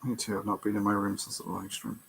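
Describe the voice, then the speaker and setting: A tired Irish man with a gravelly, fairly low voice talks casually to his livestream viewers while he works on a model kit. He thinks out loud in a relaxed, chatty way, with a faint hiss behind him. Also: fast talker, rough recording. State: tired, yawning. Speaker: livestream host. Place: bedroom.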